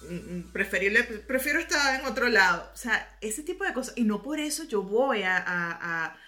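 A Venezuelan woman chatting casually on a podcast, telling lively stories about her life abroad. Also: fairly high pitch, normal speed, faint music behind. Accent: Venezuelan Spanish. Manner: lively storytelling, acts out quoted voices. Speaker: podcast guest. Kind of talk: casual chat.

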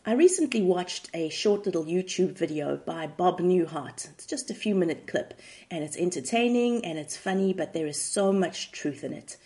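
A woman's voice: on the low side, expressive, moderate pace, mellow. A woman hosting a daily devotional podcast, sharing a reflection in a conversational storytelling way. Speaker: podcast host.

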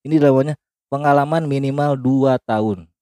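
A man's voice: mid-range voice, normal speed, warm tone, dry recording, studio quality, natural voice. A man improvising the role of a condescending, dismissive HR interviewer. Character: dismissive male HR interviewer at an oil company.

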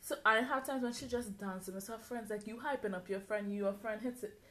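A woman's voice: mid-range voice, brisk, bright, forceful tone. A woman co-hosting a podcast, ranting in casual chat with many "like" fillers. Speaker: podcast co-host.

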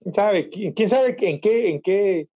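A young Mexican man with a notably high voice, talking casually on a podcast. The recording is dull and lo-fi. He keeps it relaxed, chiming in and laughing along with his co-host. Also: measured pace. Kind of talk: casual chat.

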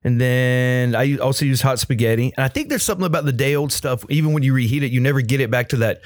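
A man co-hosting a casual chat, describing a family recipe in a relaxed, hesitant way. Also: medium pitch, fast talker, dry recording, clean studio sound. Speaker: co-host describing his recipe.

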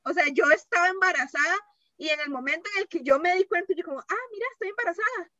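A woman's voice: sits high, fast, bright, forceful tone, no room sound, highs cut off. A woman with a Costa Rican accent telling a dream in casual chat, rambling and sprinkling in English. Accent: Costa Rican Spanish. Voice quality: chatty, rambling, mixes in English.

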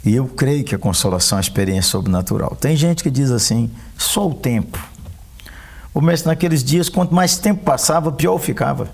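Pastor, husky rough voice, talks straight to the listeners. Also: male voice, mid-range voice, animated, brisk. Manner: earnest, pastoral, addresses listeners directly. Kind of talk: conversation on faith and grief.

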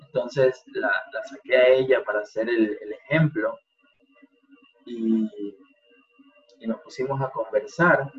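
A man leading a group through a guided relaxation exercise as a workshop facilitator, talking calmly and slowly, with coaxing repetitions. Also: medium pitch, husky, dull audio. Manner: calm, slow and coaxing, with repetitions.

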